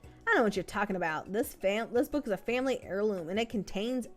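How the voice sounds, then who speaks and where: A woman's voice: mid-range voice, expressive, quick pace, faint music behind, close to an everyday voice. A woman voicing a defensive, secretive male student in a game, stumbling over his excuses. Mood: evasive. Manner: evasive, stumbling.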